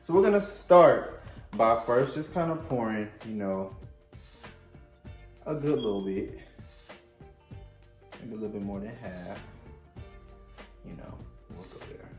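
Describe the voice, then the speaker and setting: A man's voice: lowish voice, animated, unhurried, long pauses, darkish tone, soft background music. Man, casual vlog host, chatty, echoey room. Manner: playful, chatty, talks straight to viewers. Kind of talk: casual drink-making tutorial. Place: home.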